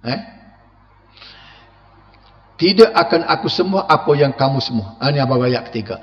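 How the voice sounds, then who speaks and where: A man with a Kelantanese Malay accent giving an evening mosque lecture on Quran verses, lively, laughing and questioning his listeners. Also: mid-range voice, normal speed. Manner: lively, laughing, acts out quoted voices, questions the audience. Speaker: religious lecturer. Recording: muffled recording with long reverb.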